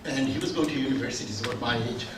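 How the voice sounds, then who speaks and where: A man's voice: mid-range voice, quick pace, background noise. Older man, distant and roomy. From Bangladesh. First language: Bengali. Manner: conversational, anecdotal, with many restarts. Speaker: conference speaker. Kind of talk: academic conference talk. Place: conference room. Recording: roomy room, distant mic, faint ambience.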